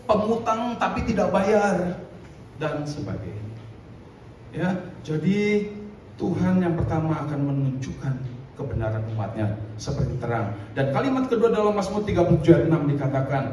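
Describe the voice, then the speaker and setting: A man preaching a sermon in a lively, conversational way with frequent asides to the congregation. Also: on the high side. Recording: echoey room, distant mic, faint noise.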